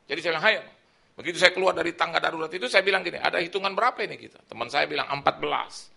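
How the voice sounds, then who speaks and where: Male preacher, middle-aged, high and gravelly, bright edge; animated sermon storytelling, acts out the voices. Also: very fast. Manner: animated storytelling, acts out quoted voices, swings loud and soft. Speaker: pastor. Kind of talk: sermon with personal testimony. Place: church hall.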